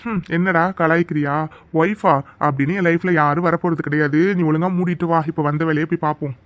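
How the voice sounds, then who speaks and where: A performer voicing a gruff but caring young man in a cartoon. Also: medium pitch, fairly even intonation, quick pace, no room sound, natural voice. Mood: earnest. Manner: gruff, earnest. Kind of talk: cartoon dialogue.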